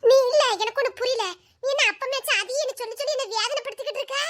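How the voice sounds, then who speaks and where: A woman's voice: very high-pitched, racing. A woman, playing two teasing girlfriends in a comedy skit with playful, melodramatic chatter. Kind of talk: village comedy skit dialogue.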